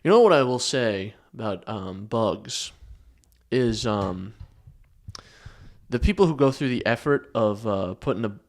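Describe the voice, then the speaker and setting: A man's voice: on the low side, expressive, a little slow, pauses often. A young man co-hosting a podcast in casual chat, rambling and swearing, restarting his sentences. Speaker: podcast co-host.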